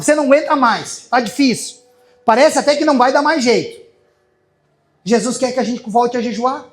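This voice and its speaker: A male pastor with a Brazilian Portuguese accent preaching an impassioned sermon to his congregation. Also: very high-pitched.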